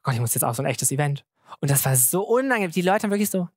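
Fast-talking, chatty man in casual conversation. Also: on the high side, dry recording, clean studio sound. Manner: chatty, animated, with many filler words and re-enacted dialogue. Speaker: interview guest, comedian. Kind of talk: casual chat, storytelling.

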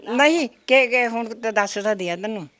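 An older woman who tells lively, folksy stories in a casual chat. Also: on the high side, normal speed. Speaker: village elder interviewee.

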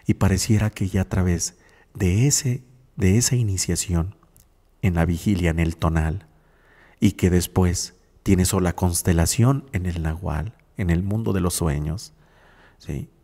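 A man's voice: low voice, a little slow, dark tone, in a large hall. A male radio host and psychologist, giving reflective spiritual talk and often checking in with his listeners. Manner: reflective, keeps asking "sí?".

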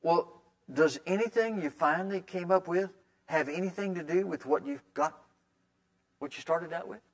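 A man's voice: sits high, animated, moderate pace. Middle-aged preacher guy, folksy and conversational, keeps repeating words for emphasis. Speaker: pastor. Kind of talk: sermon.

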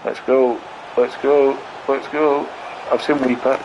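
Man, gaming host, rambling live commentary, mid-pitched, faint room hum. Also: slow pace. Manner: rambling, chatty, talks to viewers while playing; excitable bursts at goals. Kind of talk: live football game commentary.

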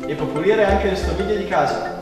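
A man's voice: high voice, a little fast, lightly acted. A young man playing a helpful priest in an amateur skit, demonstrating things like a salesman. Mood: salesy. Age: young adult. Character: helpful male priest pitching a phone app. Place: indoor kitchen, far camera. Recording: echoey kitchen, distant mic, music.

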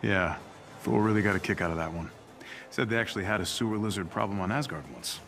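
An actor with an American accent playing a kind, steady soldier superhero in a video game, measured and reassuring. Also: male voice, on the low side, background noise, close to an everyday voice. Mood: kindly. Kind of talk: cinematic video game acting.

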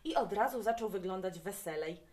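A woman reads a children's story aloud, her voice lively and rising and falling as she brings the tale to life. Her middle-pitched tone stays clear and friendly for young listeners. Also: brisk. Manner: expressive, animated reading.

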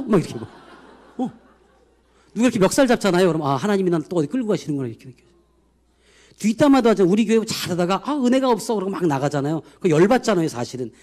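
An older man, a pastor and former comedian, giving a sermon testimony in an animated storytelling manner, acting out dialogue with comic self-mockery. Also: high-pitched. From South Korea.

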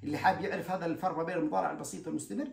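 A man teaching English in Arabic, stressing each English word slowly and patiently explaining grammar to learners. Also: fairly high pitch, vocal fry. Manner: reads word pairs with slow stressed English words and calm Arabic glosses; explains patiently, answering imagined learner questions. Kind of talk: bilingual vocabulary and grammar lesson. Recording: echoey room.

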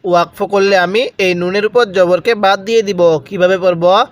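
A man teaching Quran recitation step by step, chanting Arabic words slowly and drawn out, then explaining quickly. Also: sits high, steady tone. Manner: repeats words for the viewer to copy.

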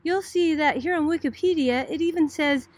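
A middle-aged woman from Boston, United States, teaches in a casual, chatty, explanatory style, much like an informal college video lecture. Her voice sits high, and she speaks at a moderate pace.

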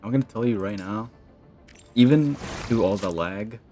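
A young man with a fairly low voice chats through his gameplay. He rambles and thinks aloud casually, with some music behind him. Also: normal speed, dark tone. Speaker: gaming commentator.

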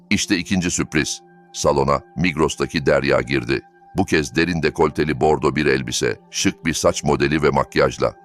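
A man reading a dramatic family story as narrator, in an even storytelling manner. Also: very deep voice. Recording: faint background music.

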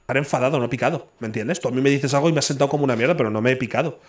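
A man's voice: mid-range voice, very fast. A man from in casual chat who talks bluntly, swears freely and argues his point over and over.

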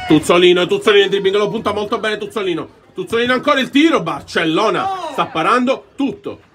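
A man with an Italian accent giving breathless, excitable live futsal goal commentary, shouting on shots. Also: fast. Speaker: sports commentator. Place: outdoor caged futsal pitch. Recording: outdoor pitch, crowd noise behind. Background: crowd.

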